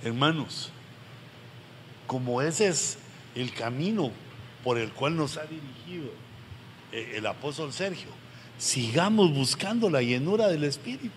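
Middle-aged male pastor, pleading sermon delivery, slightly high voice, long hall reverb. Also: lively intonation, a little slow, pauses often. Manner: earnest, pleading, with sudden loud emphatic rises. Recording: long hall reverb, faint background noise.

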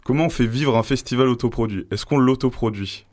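A man's voice: mid-range voice, a little fast, darkish tone. A man co-hosting a live radio show, casually asking a guest questions. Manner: curious, asks questions casually. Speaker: radio co-host.

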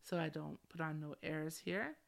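Here a middle-aged woman with a low-pitched, vocal-fry voice talks at normal speed. As the lone host of her podcast, she's candid and easygoing, using slang and peppering everything with valley-girl "like".

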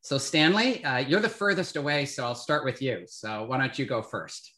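A man moderating an admissions webinar, explaining in a measured way with frequent fillers. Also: mid-range voice, sharp tone.

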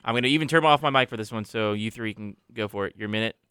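Smooth, clear young male radio host. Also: on the low side, quick pace, pushed and bright, no room sound, studio quality. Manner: laid-back, wraps up the show. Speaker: radio sports show host. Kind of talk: casual sports talk on college radio. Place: radio studio. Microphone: studio microphone.

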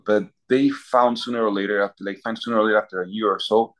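Speaking fast with fairly even intonation and a fairly low pitch, this priest from Peru serves as a university chaplain and responds to interview questions. His answers are considered and full of examples, and at one point he clears his throat.

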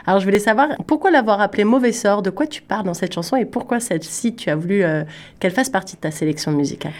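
A woman's voice: medium pitch, animated, fast talker, a little mellow. A woman hosting an interview, affirming and summing up what her guest says. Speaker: interview host. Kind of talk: conversational interview.

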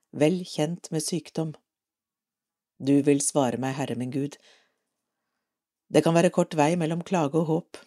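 Low, mellow-voiced Norwegian woman reading. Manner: calm, measured, even reading. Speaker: reader of an audio parish magazine. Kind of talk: scripted reading of a devotional article.

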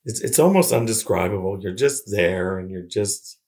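Man in his forties hosting, low voice. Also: normal speed. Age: 40s. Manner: warm, laughing, hesitant restarts. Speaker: podcast host. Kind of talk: casual chat.

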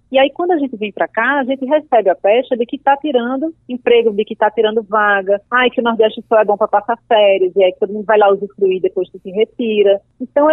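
The interview guest is a young woman from Paraíba whose Northeastern Brazilian accent comes through as she thoughtfully lays out careful arguments. Her voice sits a little high with no room sound, captured over dry, tinny audio resembling a phone call in this reflective conversation.

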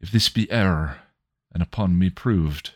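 A man voicing a gentle, romantic male poet who recites verse slowly and lyrically. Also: low-pitched, no echo, studio quality. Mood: tender. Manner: slow, lilting recitation of verse.

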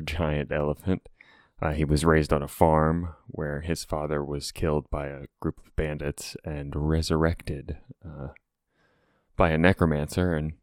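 A man, a tabletop game player, casually introducing his character and himself in a halting, meandering way. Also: rumbling low, smooth, no echo, studio quality.

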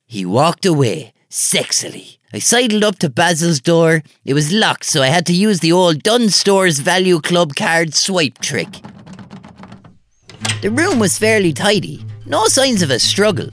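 A man's voice: high voice, sing-song, a little slow, a bit bright, full character voice. Irish comic narrator played by a man, cocky informant, swooping wildly into a ventriloquist-dummy squawk, music behind. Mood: comic narrating. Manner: rambling, colloquial, comic asides. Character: Jack Street, excitable cocky Irish informant narrating his story. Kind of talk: comic audio drama narration.

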